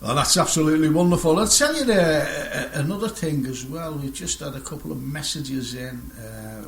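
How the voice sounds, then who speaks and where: A middle-aged man hosts a radio chat show, rambling from one thing to the next and laughing at his own jokes. His voice sits a touch high and has a gravelly edge. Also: expressive, normal speed. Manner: jokey, rambling, laughs often. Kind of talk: casual chat show banter.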